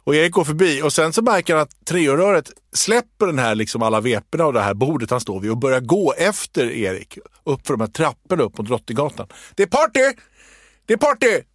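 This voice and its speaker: A man in his thirties co-hosting a podcast, chatting casually and telling stories in an animated way. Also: mid-range voice, hardly any pauses, no echo, clean studio sound. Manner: lively, animated storyteller. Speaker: podcast co-host. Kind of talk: casual chat and storytelling.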